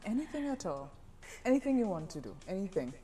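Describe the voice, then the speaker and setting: A woman's voice: medium pitch, quick pace, faint music behind. A woman hosting a live TV chat show, talking with guests and often breaking into laughter. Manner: lively, bursts into long fits of laughter. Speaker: TV talk show host.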